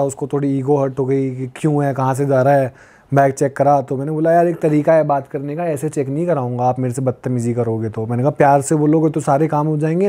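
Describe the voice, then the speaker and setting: Mellow-voiced young man telling a story. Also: a little high. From Uttar Pradesh, India. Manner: lively retelling that acts out quoted dialogue. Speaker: podcast guest, long-distance pilgrim walker. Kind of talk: casual storytelling in conversation.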